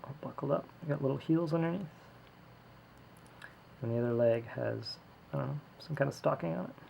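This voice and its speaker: A man's voice: medium pitch, a little fast, gravelly, slight background noise. A man talking casually and rambling with fillers while he reviews a figure, recorded at home on a small camera. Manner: relaxed, rambling, many fillers. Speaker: toy reviewer. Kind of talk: casual hands-on product review. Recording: lo-fi home video audio.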